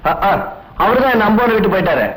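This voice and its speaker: A man's voice: sits high, expressive, a bit bright, echoey room, rough recording. An actor playing a glib, teasing young man who co-owns a petrol bunk, in film dialogue. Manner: teasing, glib, quick-talking. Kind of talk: 1980s Tamil film dialogue.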